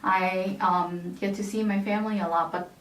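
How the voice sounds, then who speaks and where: A young woman from South Korea chatting casually in an interview, relaxed and thoughtful, with many fillers. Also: medium pitch, moderate pace. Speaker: interviewee, university staff member. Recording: roomy echo, mic at a distance.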